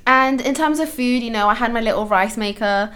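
A woman's voice: a little high, a little fast, fairly bright tone. A young woman from London talking as a guest in a casual conversation, hesitant and full of restarts. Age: young adult. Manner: hesitant, many ums and restarts, laughs often.

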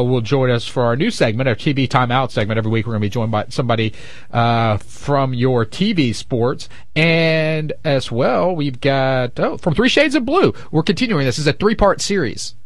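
A man of medium pitch hosts a sports radio show on a studio microphone, with no room sound. Speaking through a stuffed-up nose, he chats casually, animated and joking.

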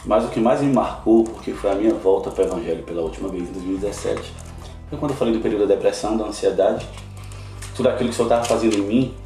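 Man, guest missionary, earnest testimony, heard from a distance in a roomy space with soft music. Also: on the low side, racing. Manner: earnest, emotional storytelling. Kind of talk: personal testimony in a podcast interview.

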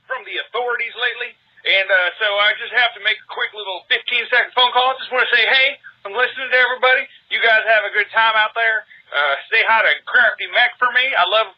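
A man leaving a jokey, rambling voicemail over a landline phone, chatty and full of fillers. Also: extremely high pitch. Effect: over a landline phone, voicemail message. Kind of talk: casual rambling phone message. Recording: dull tinny phone line.

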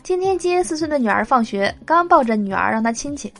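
A woman hosts a joke podcast, reading each joke aloud casually. Her voice sits high and swoops widely as she lands the punchlines, and she often laughs at her own material. A faint bed of music plays behind her. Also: animated, brisk, vocal fry, a bit bright. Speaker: podcast host telling jokes.

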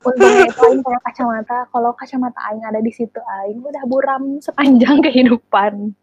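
A young woman with a Sundanese accent, a podcast guest telling lively, slangy stories in casual chat. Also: on the high side, brisk, slightly rough, no echo. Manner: lively storytelling, slangy and expressive. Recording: somewhat dull lo-fi sound.

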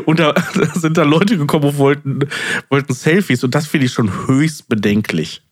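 A man's voice: on the high side, normal speed, no echo. A man co-hosting a podcast in casual chat, making dry, ironic remarks. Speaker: podcast co-host.

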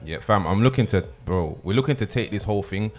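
A man's voice: lowish voice, lively intonation, a little fast, darkish tone. A man chatting casually as a rapper in an interview, full of street slang and repeated words.

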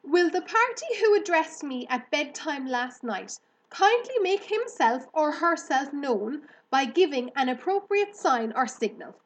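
Woman voicing an excitable, high-pitched little boy piglet. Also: unhurried. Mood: loudly announcing. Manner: stammering, effusive, earnestly polite. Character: excitable, innocent, eager young male piglet. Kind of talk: children's storybook character voice.

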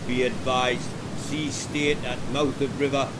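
A man plays a firm lifeboat crewman reporting from sea in clipped radio procedure. His voice is mid-pitched. Loud hiss and rumble surround it. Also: level tone, measured pace, natural voice.

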